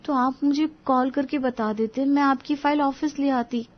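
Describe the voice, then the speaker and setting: A woman's voice: high voice, fairly even intonation, normal speed, muffled recording, pitched above the performer's own voice, lightly acted. A woman voicing a timid, eager young daughter-in-law in a cartoon story, polite and anxious to please. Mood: indignant.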